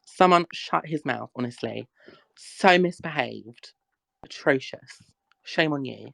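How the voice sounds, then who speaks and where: A woman's voice: extremely low pitch, lively intonation, slow pace, vocal fry, a bit bright, dry recording. A woman hosting a casual livestream Q&A who chats freely, scolds her chat and laughs often. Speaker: livestream Q&A host.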